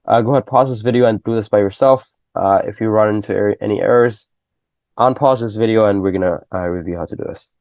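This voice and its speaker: Young male tutor, dark gravelly tone, laid-back conversational delivery. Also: lowish voice, fast talker, no echo. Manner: loose and conversational, full of "okay?" and "right?" checks. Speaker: programming tutor. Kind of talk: casual screen-recorded coding lesson.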